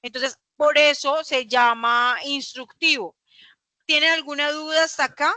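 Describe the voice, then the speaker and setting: A woman's voice: high-pitched, fairly even intonation, measured pace, bright, forceful tone, no room sound. A young woman, teaching a class and explaining patiently with rhetorical questions. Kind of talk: classroom lecture.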